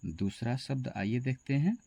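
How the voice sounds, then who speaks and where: A man's voice: mid-range voice, normal speed, vocal fry, mellow, breathy edge, dry recording. A man teaching a pronunciation lesson to students, spelling out words letter by letter.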